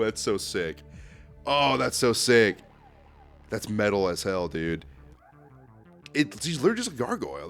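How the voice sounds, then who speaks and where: A man hosting a casual reaction video, excitable and slangy, often saying "dude" and laughing as he talks. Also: on the low side. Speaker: YouTube host ranking fan art.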